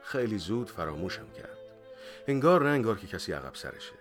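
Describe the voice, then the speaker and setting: A man narrating a first-person story in a lively, expressive reading. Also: lowish voice, loud music behind the voice.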